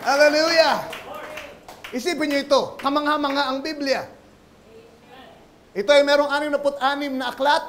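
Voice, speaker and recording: High-voiced animated male preacher. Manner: animated, shouting hallelujahs and amens. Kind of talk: sermon with storytelling. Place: church service. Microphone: live-streamed service mic.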